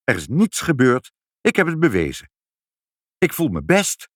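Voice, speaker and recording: A stubborn, self-important doctor from a children's story, voiced by a man reading aloud. He talks loftily and huffs with indignation, pitch moving a lot. Close, dry recording. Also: huge pitch swings, measured pace, a bit bright, no echo, heavily acted. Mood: boastful. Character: pompous, stubborn male hospital doctor.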